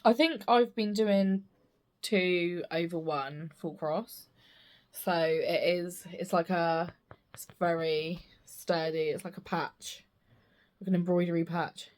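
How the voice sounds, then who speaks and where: A British woman vlogs casually about her crafts in a slightly low voice. She rambles and interrupts herself as she goes, and a missing front tooth slightly blurs her speech. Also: steady tone, slow pace. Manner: chatty, rambling, self-interrupting. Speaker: stitching vlogger. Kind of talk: casual chat to camera about craft projects.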